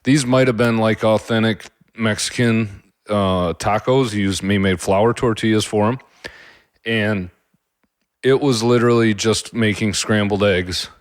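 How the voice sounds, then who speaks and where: A man's voice: lowish voice, no room sound. Casual rambling man, dry close sound. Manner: rambling, many fillers and restarts. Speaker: podcast host. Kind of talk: casual solo podcast talk.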